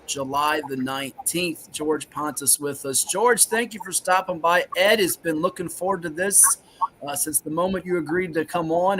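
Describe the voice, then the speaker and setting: A man's voice: high voice, sharp tone, a little hiss or hum. A man hosting a sports talk show in an upbeat, welcoming way.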